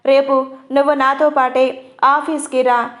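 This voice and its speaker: A woman's voice: high-pitched, little pitch movement, measured pace, fairly bright tone. A woman voicing a young man, a protective elder brother who speaks firmly and earnestly in a storybook reading. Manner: firm, earnest.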